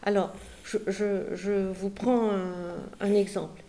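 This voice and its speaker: A woman translator presenting a book to an audience, halting and repeating words with many fillers. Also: medium pitch, flat delivery, mellow. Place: book fair talk.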